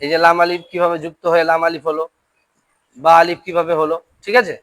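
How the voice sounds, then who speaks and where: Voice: medium pitch, flat delivery, fast, a bit bright, no echo. Quran reading teacher, classroom drill, syllables spoken one by one, frequent comprehension checks, dry close sound. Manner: drills syllables aloud, often checks understanding. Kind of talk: letter-by-letter Quran reading lesson. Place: classroom with a board.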